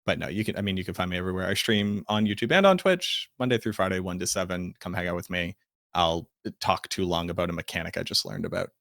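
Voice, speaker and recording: A man's voice: low-pitched, fast talker, vocal fry, fairly bright tone, no echo, studio quality. A man from Boston's North Shore, a streamer guesting on a podcast, chatting in a joking, self-deprecating way. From Boston's North Shore, USA. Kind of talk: casual podcast chat.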